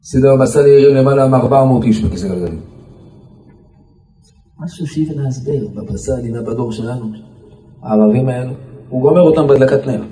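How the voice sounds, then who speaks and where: A man, a rabbi, telling stories of a holy sage in a dramatic, animated sermon. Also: mid-range voice, long pauses, far from the mic. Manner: animated, dramatic storytelling, rising to shouts for emphasis. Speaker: rabbi and preacher. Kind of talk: storytelling sermon at a gathering. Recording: echoey hall with faint music.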